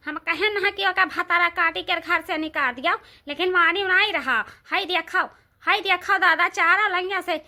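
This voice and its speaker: A woman voices a bossy, scolding village housewife in a comedy cartoon, making emphatic, repetitive complaints in an eastern Uttar Pradesh accent. It's a full character voice, very high, pushed and bright.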